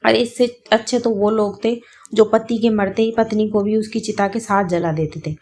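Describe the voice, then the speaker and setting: A woman's voice: medium pitch, normal speed, darkish tone, lightly acted. A woman voicing a grieving young widow who speaks tearfully and pleads in a spoken story. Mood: anguished outburst.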